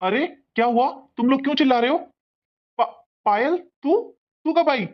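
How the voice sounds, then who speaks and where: A woman's voice: sits high, lively intonation, moderate pace. A woman playing a grown son who scolds his wife and apologises to his mother in a family drama. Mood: startled. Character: grown son, angry then remorseful. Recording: dull lo-fi sound.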